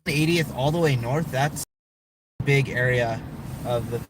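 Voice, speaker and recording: Man chatting off-mic in very loud car noise. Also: mid-range voice, moderate pace, recorded from a distance. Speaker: storm chasing companion. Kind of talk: casual live weather chat.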